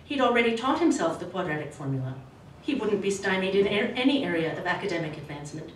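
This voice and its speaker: Raised across Australia, Canada and the States, a novelist in her forties reads her prose at a podium with measured expression, then fields casual questions in a halting, self-correcting way. Her medium-pitched voice comes through a podium microphone recorded from a far camera, in an echoey small room with a red curtain, distant and faintly hissy.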